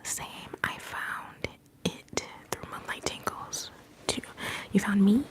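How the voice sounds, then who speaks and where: Speaking slowly, a woman streams whispered ASMR from her home, drifting between a soft whisper and quiet speech. She gently greets chat viewers into a phone placed a little way off.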